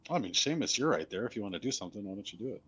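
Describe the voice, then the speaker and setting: A man acting as game master, narrating a tabletop fantasy game casually and haltingly, thinking aloud. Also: lowish voice, sing-song, a bit bright, breathy edge, muffled recording.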